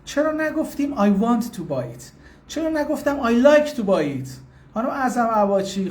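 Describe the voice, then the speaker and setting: A man with a fairly high voice leads a casual live language lesson. He greets viewers by name as he goes, and he repeats example phrases slowly and patiently. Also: darkish tone, slight background noise. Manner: explains patiently and informally. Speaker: English teacher.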